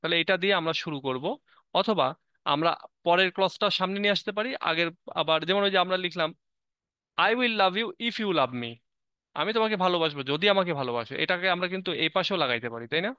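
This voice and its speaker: A man teaching an online grammar lecture, explaining step by step with rhetorical questions and frequent pauses mid-phrase. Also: sits high, pushed and bright, clean tone, no room sound, highs cut off. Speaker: English teacher.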